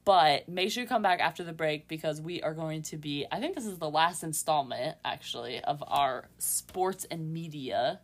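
A woman's voice: low voice, lively intonation, normal speed, few pauses. A woman co-hosting a sports podcast in a chatty, informal way, with slight trouble on her R sounds. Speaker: podcast co-host. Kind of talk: casual sports podcast chat.

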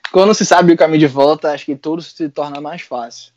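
A man with a Brazilian Portuguese accent, an interview guest telling a personal story in a casual, animated way with frequent laughs and slang. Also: a little high, fairly quick. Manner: animated, laughs often, mixes in colloquial slang. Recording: dull lo-fi sound.

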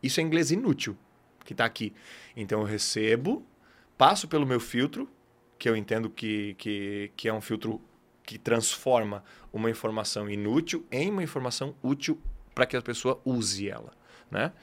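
A man in a casual podcast conversation, explaining his ideas as an English teacher. He talks emphatically and animatedly, mixing in plenty of casual slang. His voice sits in an average pitch. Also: normal speed.

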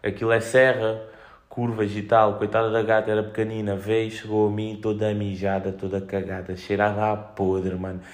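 A man's voice: lowish voice, completely flat delivery, moderate pace. A young man with a European Portuguese accent, chatting casually on his own in a slangy, sweary, joking way, telling rambling anecdotes as a podcast host.

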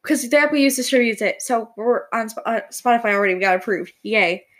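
A woman's voice: fairly high pitch, fast talker. Flustered teen girl making announcements. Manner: flustered, stumbling over words. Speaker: podcast co-host. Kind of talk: casual chat, show announcements.

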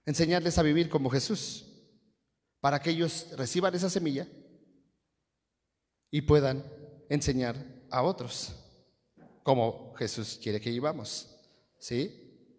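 A man's voice: fairly high pitch, measured pace, long pauses, darkish tone, in a large hall. A man preaching a sermon, constantly quizzing the congregation and waiting for them to answer. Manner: call-and-response, quizzing the congregation.

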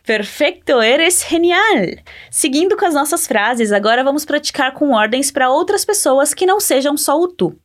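A young adult woman with a Brazilian Portuguese accent, hosting a podcast pronunciation lesson as a Spanish teacher, encouraging the listener and slowly modelling phrases for them to repeat. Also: high voice, expressive.

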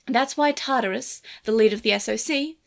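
A woman voicing a scheming, pretentious partner Digimon that speaks in a measured, lofty way. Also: on the high side, gravelly. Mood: cool.

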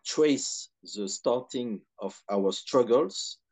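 A man from Benin with a Beninese French accent gives reflective interview answers in measured, hesitant phrases with frequent pauses. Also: mid-range voice, lively intonation, a little mellow. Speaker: podcast guest, historian and activist.

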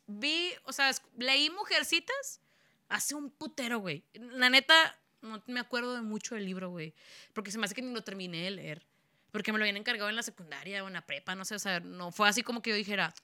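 A young woman with a Mexican accent, co-hosting a podcast in animated, slangy casual chat, laughing often. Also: medium pitch, a little fast. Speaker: podcast co-host.

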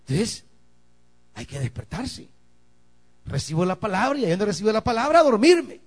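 A male pastor preaching a sermon, swinging from quiet asides to shouted emphasis and calling out to the congregation. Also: high voice, very animated, moderate pace, breathy edge.

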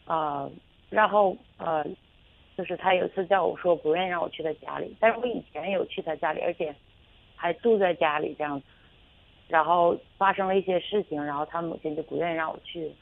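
A woman with a lowish, gravelly voice calls in to a radio show over a tinny telephone line. She talks briskly, telling a personal story in a hesitant, rambling way, full of fillers and restarts.

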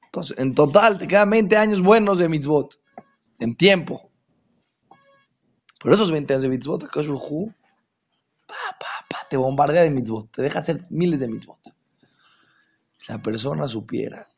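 A man teaching a religious lesson to an audience, stressing his points by repeating phrases and dropping into hushed asides. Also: on the high side, moderate pace, long pauses, breathy edge. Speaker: Torah teacher. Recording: dull lo-fi recording.

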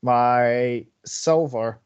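A man's voice: mid-range voice, very slow, clean tone. A man co-hosting a casual film podcast, talking bluntly in a laid-back way and swearing casually. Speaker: podcast co-host. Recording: dull lo-fi audio.

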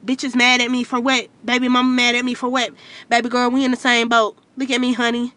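A woman's voice: on the high side, monotone, brisk, sharp tone, dry recording. A young woman, podcasting in a car at night, giving blunt, profane advice to her listeners. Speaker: podcast host. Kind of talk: casual rant to listeners.

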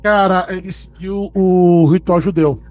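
A man's voice: sits high, unhurried. A man with a Brazilian accent telling a spooky story to friends in a casual chat, acting out the quoted lines. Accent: Brazilian Portuguese. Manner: animated retelling, acts out quoted lines.

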